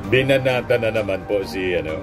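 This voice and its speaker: A man's voice: on the low side, expressive, fairly quick. Middle-aged guy vlogging the news, chatty, laughs at his own jokes, faint music behind. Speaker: vlog host. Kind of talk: casual news commentary and joke telling.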